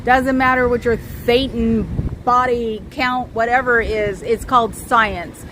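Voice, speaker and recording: Her voice is a little high and fairly bright, steady and unhurried, though she is losing it as she livestreams from a San Francisco street. She rambles in a chatty way and calls to passers-by, with traffic noise audible throughout the outdoor recording.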